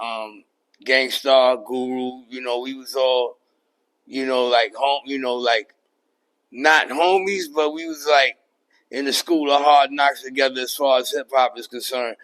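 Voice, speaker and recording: A middle-aged man sits in as a podcast guest and looks back on his years in music. He speaks casually, circling his points with plenty of fillers and "you know what I mean." His voice sits at an ordinary pitch for a man. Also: fairly bright tone, clear, resonant tone, poor audio. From New York. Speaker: podcast guest, rapper and producer. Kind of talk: casual interview chat.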